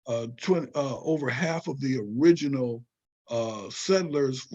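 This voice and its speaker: The recording loses its highs as an older Southern California historian and author, interviewed as a guest, talks in a mid-range, slightly mellow voice at a measured pace. His emphatic, digressive runs are studded with "right?" and "you know?".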